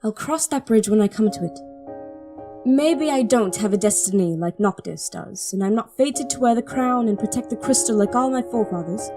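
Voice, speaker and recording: In an audio drama with first-person narration, a woman plays an earnest, devoted young princess, speaking articulately and pleadingly. Her voice is a little high and expressive, at a moderate pace over music.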